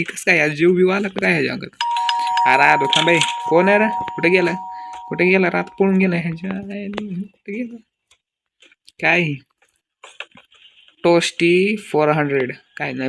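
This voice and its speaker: A young man with a gravelly, fry-edged voice rattles off excitable, crude, comic gameplay commentary. He scolds and exclaims at the screen constantly. Steady background noise sits under his voice. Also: a little high.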